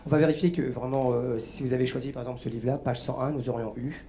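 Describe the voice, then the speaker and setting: A man's voice: medium pitch, fairly even intonation, fast, mellow, slight background noise. A man performing a live mind-reading demonstration as a radio guest, patiently guiding a volunteer and reciting letters one by one. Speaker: stage mentalist guest.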